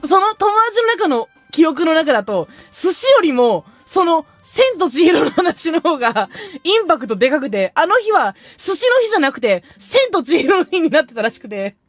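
A young woman streamer telling a story in casual chat, animated and laughing often as she acts out what others said. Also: sits high, moderate pace, hardly any pauses, no room sound, soft background music.

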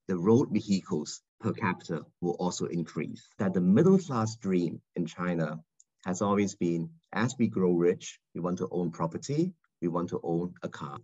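A man giving a measured, explanatory lecture in a recorded webinar. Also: low voice, mellow, dull audio.

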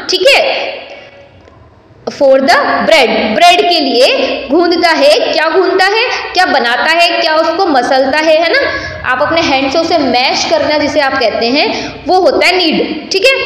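A high-pitched woman teacher with an Indian English accent leads a lesson at an unhurried pace. She reads the English slowly and explains in Hindi, answering her own questions. The voice rings with heavy echo and a long reverb. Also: a bit bright. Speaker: school teacher. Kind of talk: classroom lesson.

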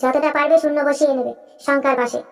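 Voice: high voice, steady tone, quick pace, creaky, a little mellow. A performer voicing a bossy, scornful rich father in a cartoon, mocking and commanding. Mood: bargaining. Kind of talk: cartoon voice acting.

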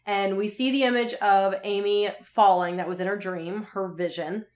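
A woman's voice: medium pitch, normal speed. Chatty woman podcaster, laughing often. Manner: animated, laughs often, lively retelling. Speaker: podcast co-host. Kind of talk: casual chat recapping a TV episode.

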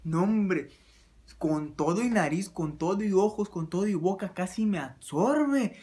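A man with a Mexican accent telling a comic anecdote in a crude, slangy, animated way. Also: sits high, measured pace. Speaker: storyteller.

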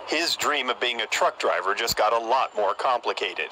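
A man's voice: medium pitch, expressive, moderate pace, pushed and bright, a little hiss or hum, poor audio. An older man reporting for TV news outdoors with a handheld mic, emphatic reporter cadence. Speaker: TV field reporter. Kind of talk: news report narration and interviewing. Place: outdoors at a truck yard. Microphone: handheld microphone.

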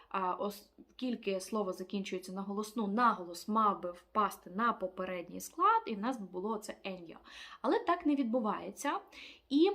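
A woman teaching an online language lesson, explaining step by step with frequent filler pauses. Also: medium pitch, fairly bright tone.

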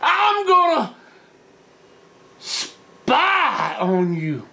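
A man voicing a boastful backwoods fisherman who hollers threats in a squeaky, drawn-out, cracking voice. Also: wildly swooping pitch, creaky, sharp tone, full character voice. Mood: threatening. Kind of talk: comic character skit.

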